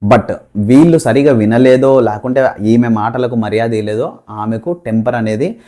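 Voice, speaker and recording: Male commentator, mid-pitch, chatty, opinionated recap, light chuckles. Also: normal speed, dark tone. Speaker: show commentator. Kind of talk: casual reality-show recap.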